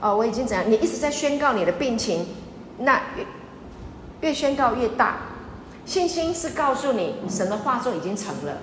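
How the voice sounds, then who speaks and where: A woman pastor giving a lively sermon, repeating her points emphatically and often asking the congregation questions. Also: on the high side, normal speed. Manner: repetitive, emphatic preaching with audience questions. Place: church sanctuary. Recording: echoey church hall with faint noise.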